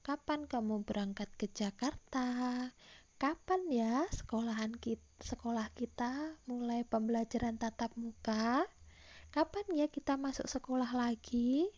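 A woman's voice: on the high side, unhurried, a little mellow, muffled recording. A woman teacher giving a recorded online lesson to primary school children, patiently explaining and reading example questions aloud.

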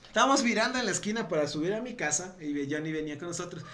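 A man with an Ecuadorian accent hosts a casual podcast chat, telling stories in slang and laughing often. His voice is pitched high for a man. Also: animated, very fast, bright, forceful tone. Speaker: podcast host.

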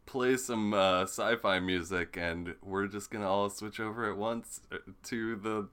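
A man's voice: on the low side, fairly even intonation, a little slow, a bit bright. A man hosting a comedy podcast in a giggly, rambling, hesitant way. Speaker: podcast host. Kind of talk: casual comedy podcast chat.

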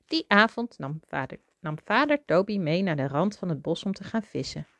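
A middle-aged woman reading a children's book aloud to her young son, with gentle, expressive storytelling. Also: fairly low pitch, normal speed, no echo.

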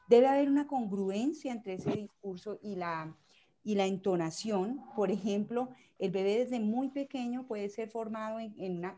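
A woman hosting a casual expert discussion, explaining points in a measured way. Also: medium pitch, warm tone.

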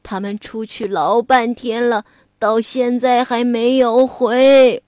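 A woman voicing a frail old man, really a disguised demon, who speaks slowly and mumbles. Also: on the high side, level tone, darkish tone, dry recording, clean studio sound, pitched below the performer's own voice. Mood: wheedling. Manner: slow, mumbling and wheedling.

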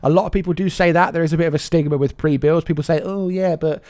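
A man co-hosting a relaxed gaming chat, talking with lots of energy and laughing easily. His voice sits a little high for a man, and the recording is dry and close, with no room sound at all. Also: very fast, dry recording. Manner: animated, laughs often, acts out quotes. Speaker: podcast co-host. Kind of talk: casual chat.

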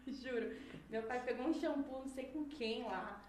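A young adult woman, a singer guesting on a podcast, telling stories in a lively, animated way with quoted voices. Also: high voice, measured pace. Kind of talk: casual storytelling chat. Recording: roomy echo, faint noise.

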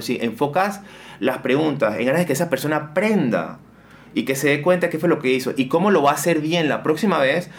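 Coach guest, man, brisk delivery, energetic and expressive. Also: mid-range voice. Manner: energetic, emphatic, shifts his intonation on purpose. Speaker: business coach. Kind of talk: casual interview chat.

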